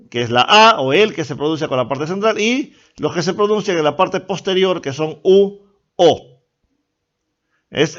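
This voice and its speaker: Peruvian male teacher, slightly high voice. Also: a bit bright. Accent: Peruvian Spanish. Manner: explains step by step, asks "¿no?" and "¿ya?" to check understanding. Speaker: language teacher. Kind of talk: online class lecture. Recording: dull lo-fi recording.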